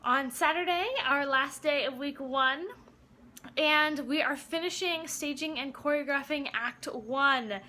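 A woman's voice: sits high, a little slow, sharp tone. A young woman in a casual vlog, bubbly and enthusiastic, laughing often as she talks. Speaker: vlogger and ensemble cast member.

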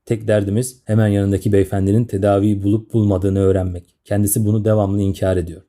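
A smug government agent talks down to his captive in a patronizing, clipped way, voiced by a man who keeps his voice low and dark. He rattles through his lines at a quick pace. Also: little pitch movement, lightly acted. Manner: patronizing, condescending.

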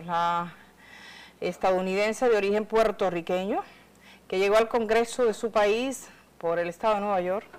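A woman's voice: mid-range voice, rough recording. A middle-aged woman, giving conversational news commentary in a TV studio, thinking aloud with frequent restarts. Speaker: news presenter.

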